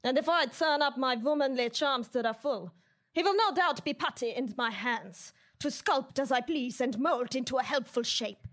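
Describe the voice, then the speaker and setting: A woman's voice: high-pitched, normal speed, a bit bright. A woman voicing a scheming female Nazi villain with a put-on German accent in a comedy audio drama, menacing and gloating.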